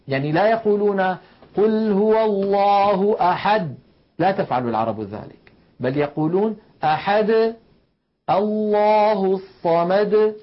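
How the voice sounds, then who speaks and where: Male recitation teacher, husky, slightly high voice, patient explainer, dull lo-fi broadcast audio. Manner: slow explanatory, demonstrating letter sounds. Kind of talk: televised tajweed lesson.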